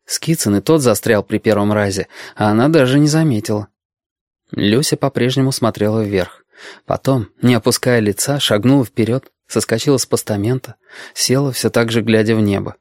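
A man reading an audiobook aloud in a calm, measured storytelling manner. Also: fairly low pitch, no echo, clean studio sound. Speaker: audiobook narrator.

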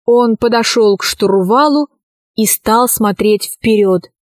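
Slow storytelling woman, kinda high voice, reading a kids' book, dry close mic. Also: dry recording. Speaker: narrator.

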